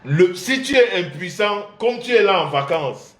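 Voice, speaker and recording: A man host of a live couples show, telling a family story with animated voices and frequent laughter. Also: high-pitched, unhurried, echoey room. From Central Africa. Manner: acts out his mother's and father's voices, laughing often. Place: indoor room, livestream.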